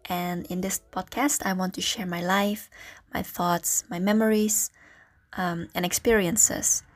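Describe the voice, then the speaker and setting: Huddled in a small closet under a towel, talking into a phone, a woman in her early twenties from the Netherlands rambles self-consciously on her solo podcast. She speaks a little slowly in a fairly low, steady voice.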